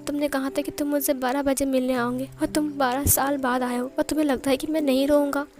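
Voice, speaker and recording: Lady voicing a teary, teasing young guy, halting lines, high and flat, faint music behind. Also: close to an everyday voice. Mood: emotional. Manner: tearful, hesitant lines. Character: young man, emotional and teasing sweetheart.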